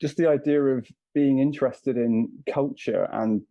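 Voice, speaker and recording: A man's voice: mid-range voice, normal speed, gravelly, warm tone, no room sound, highs cut off. A man in his fifties, an author answering interview questions in a hesitant, thoughtful way with many fillers. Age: 50s.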